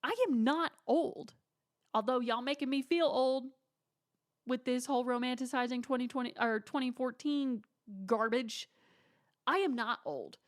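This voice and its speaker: A woman's voice: high-pitched, a little slow. A woman in her twenties hosting her own podcast, chatting casually and dramatically with playful asides and mock whispers. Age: 20s. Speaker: podcast host. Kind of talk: casual solo podcast chat.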